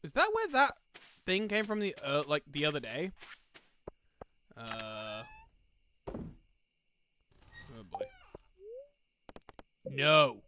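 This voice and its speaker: A man's voice: a little high, sing-song, extremely slow, long pauses, pushed and bright, a little hiss or hum. A man giving casual let's-play commentary on a farming game, thinking aloud with lots of fillers. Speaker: gaming commentator.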